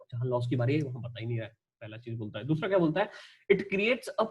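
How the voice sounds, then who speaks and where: भारत का एक पुरुष शिक्षक, जो परीक्षा की तैयारी के लिए लेक्चर देता है। वह बोलचाल के अंदाज़ में, जोश के साथ पढ़ाता है, ख़ुद से सवाल पूछता है और ख़ुद ही जवाब देता है।. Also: male voice, mid-range voice, husky. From India. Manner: lively, conversational, asks and answers his own questions; reads English lines slowly. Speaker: teacher. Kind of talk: exam-prep lecture.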